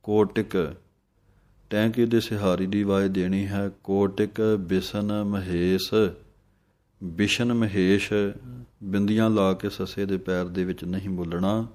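A man teaching scripture recitation, slowly chanting verses and then explaining the pronunciation in brisk asides. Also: deep voice, steady tone, darkish tone. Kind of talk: recitation lesson with slow chanted verses and quick spoken explanations.

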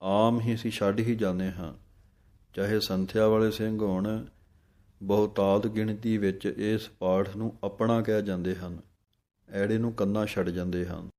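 A man teaching correct scripture recitation, speaking slowly and deliberately, correcting pronunciation and pauses. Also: fairly low pitch, flat delivery, a little mellow. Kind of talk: recitation lesson.

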